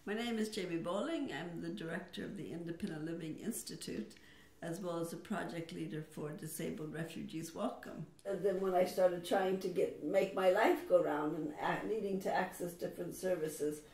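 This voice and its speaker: American-born director, calm and explanatory, recorded from afar in an echoey room. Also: female voice, lowish voice, moderate pace, distant mic. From United States. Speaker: institute director. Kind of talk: interview.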